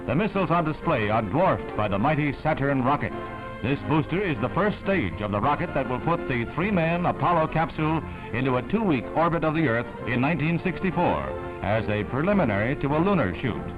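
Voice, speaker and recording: Male old-newsreel narrator, brisk, animated pitch, narrow tinny sound. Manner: brisk announcer delivery. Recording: tinny narrow-band newsreel audio with loud music.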